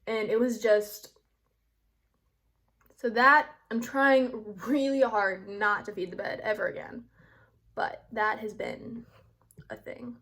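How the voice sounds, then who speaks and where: A woman's voice: on the high side, fairly even intonation, takes it slowly, long pauses, a bit bright. A young woman chatting casually to camera in an upbeat way, filling her talk with "like" and "um". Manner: chatty, upbeat, many "like" and "um" fillers. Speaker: vlogger. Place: at home and later outdoors and in a car.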